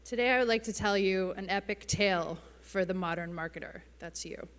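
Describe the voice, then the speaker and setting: Female conference presenter, careful and measured for an audience, amplified in a big echoing hall. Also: mid-range voice, fairly bright tone. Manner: careful, slowly spoken English for foreign listeners. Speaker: keynote speaker, advertising strategist. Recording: reverberant hall, amplified stage talk.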